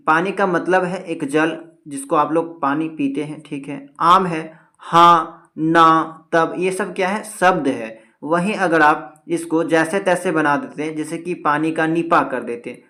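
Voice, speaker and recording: A man's voice: fairly high pitch, measured pace, hardly any pauses, sharp tone. A man teaching Hindi grammar for an entrance exam. He explains step by step, mixes in English words and keeps checking in with "theek hai". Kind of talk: exam-prep lecture.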